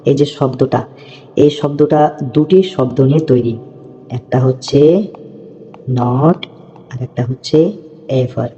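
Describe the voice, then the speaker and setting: A man teaching English phrases in a slow, patient lesson, repeating words and checking that his students follow. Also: medium pitch, steady tone, mellow. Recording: dull lo-fi audio with long reverb.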